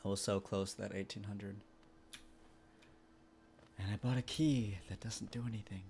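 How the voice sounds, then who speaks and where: A man streaming a video game live, commenting as he plays and jumping between quiet mutters and excited outbursts. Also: lowish voice, moderate pace, creaky. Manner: excitable, bursts into loud shouts and laughs.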